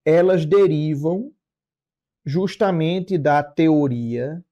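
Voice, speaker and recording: This Brazilian law lecturer talks very slowly in a mellow, mid-range voice. The teaching is explanatory, with key points repeated and reworded and punctuated by short check-in tags.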